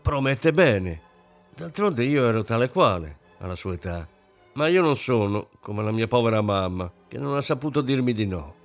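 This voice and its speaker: A man voicing a domineering, scornful middle-aged mother in an audiobook reading, shouting in anger. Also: mid-range voice, expressive, normal speed, soft background music, close to an everyday voice.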